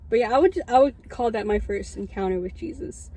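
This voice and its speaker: Her voice on the high side, warm and a little fast, a Southern California woman in her early twenties recounts her experience as a student chaplain to an audience. She speaks with a Californian American accent in a loose, conversational storytelling style full of "like" asides.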